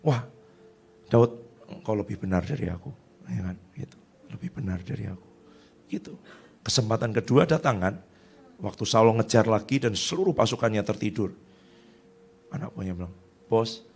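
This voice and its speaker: A middle-aged male pastor preaching a sermon in a lively, conversational way, acting out the voices of people he quotes. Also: fairly low pitch, moderate pace, gravelly, long pauses, slightly rough.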